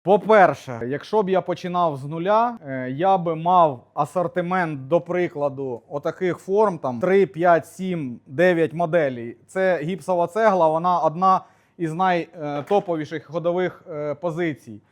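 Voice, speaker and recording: Brief: man with a high voice, animated storyteller in an interview. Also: normal speed. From Ukraine. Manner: animated, vivid anecdotes, colloquial. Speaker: plaster decor workshop owner.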